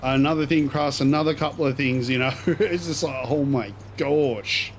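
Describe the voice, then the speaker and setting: A man's voice: medium pitch, moderate pace. Guy streaming a game, rambly and slangy, noise behind him. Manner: slangy, rambling, thinking aloud. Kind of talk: casual live gameplay commentary.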